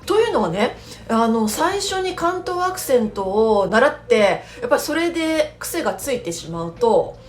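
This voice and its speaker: A woman's voice: high-pitched, big pitch swings, moderate pace, hardly any pauses, reverberant, a little hiss or hum. A woman from Kobe with a Kansai accent, hosting an interview in a polite, attentive manner with frequent small acknowledgements. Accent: Kansai Japanese. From Kobe, Japan. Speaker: host.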